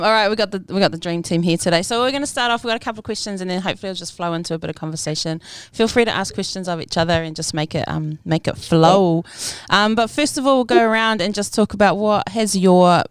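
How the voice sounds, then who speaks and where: A woman with a New Zealand accent hosting a casual podcast chat in a relaxed, friendly way, with plenty of ums. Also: fairly low pitch, fast, few pauses, clean tone, no room sound. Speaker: podcast host.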